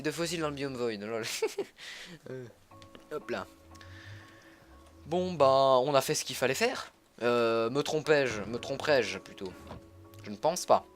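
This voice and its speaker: This young man's mid-range voice sounds a bit bright as he streams a game from Alsace, France, chatting casually and saying hello to his chat viewers. He often breaks off to correct himself mid-sentence, and music plays behind him throughout.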